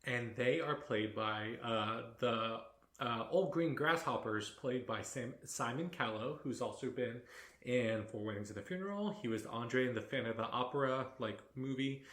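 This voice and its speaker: A man's voice: mid-range voice, moderate pace, fairly bright tone. A man co-hosting a podcast in casual chat, rambling with lots of fillers. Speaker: podcast co-host. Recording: echoey room.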